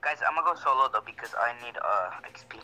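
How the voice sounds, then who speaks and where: Bright, lively young man gaming with friends. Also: medium pitch, fast talker, slight background noise, low-quality recording. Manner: lively, joking, asks teammates for help. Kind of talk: casual gameplay chat.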